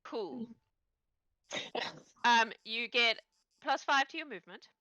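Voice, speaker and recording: A bright, high-voiced woman runs a tabletop game as game master. She narrates casually and makes things up as she goes, often laughing mid-sentence. The recording is close and dry. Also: slow pace, dry recording, low-quality recording.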